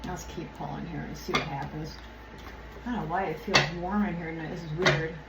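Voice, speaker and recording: A woman with a low, steady, creaky voice talks a little fast in her casual oracle card reading vlog. She rants irritably, swears often, and loses her train of thought. It is recorded in an echoey room with faint ambience and is very noisy.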